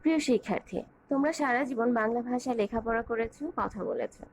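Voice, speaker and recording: High-pitched woman teaching a lesson. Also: a little mellow, rough recording. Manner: measured, clear, enumerating points and spelling out examples. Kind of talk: online grammar lesson.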